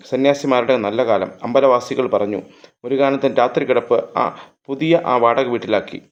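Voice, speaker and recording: Male storyteller, measured literary reading, mid-pitched, dull lo-fi recording. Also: darkish tone. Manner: measured reading with long lyrical lists and occasional restarts. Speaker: narrator. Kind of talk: scripted literary narration.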